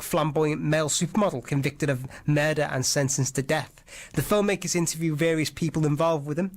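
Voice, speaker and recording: A man hosting an online radio show, chatting casually and enthusiastically about films with jokey asides. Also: a little high. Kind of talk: casual movie trivia chat.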